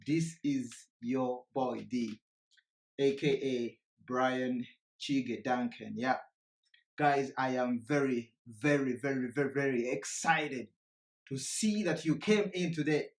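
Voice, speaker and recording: A man from Uganda giving an energetic motivational presentation live from a remote location, often repeating and restarting his words. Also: medium pitch, roomy sound.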